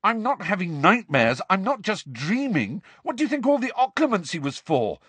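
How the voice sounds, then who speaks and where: A man voicing a hot-tempered teenage boy in an audiobook, rough, urgent and defiant. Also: sits high, very animated, moderate pace, a bit bright, dry recording, voice pushed up, exaggerated voice. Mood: furious. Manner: rough, aggressive, emphatic delivery. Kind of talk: audiobook character voice.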